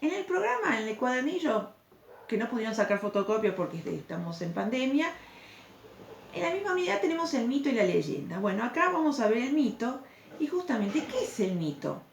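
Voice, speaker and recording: A woman's voice: a little high, very animated, brisk, vocal fry. A woman teacher, patiently explaining a recorded lesson and checking in with the class through questions. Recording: echoey room, faint background noise.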